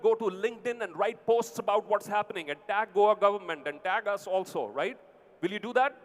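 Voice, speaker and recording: A man with an Indian accent giving a motivational talk to a large audience, teacherly, in short punchy phrases with prompting questions. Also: sits high. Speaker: motivational speaker. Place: large event venue with long reverb. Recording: hall PA with long reverb.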